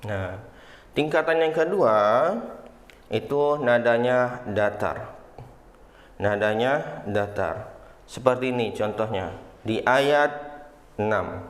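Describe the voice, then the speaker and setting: Very slow, roomy-sounding male recitation teacher. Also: mid-range voice, lively intonation. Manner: patient, explains step by step, refers to himself as Ustadz. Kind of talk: teaching lesson for schoolchildren. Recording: roomy echo.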